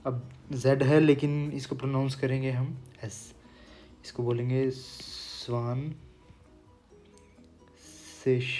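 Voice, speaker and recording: Patient man teaching pronunciation, flat voice. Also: mid-range voice, faint music behind. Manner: patient, repeats words slowly for pronunciation. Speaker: German language teacher. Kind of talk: explaining lesson while writing on a board.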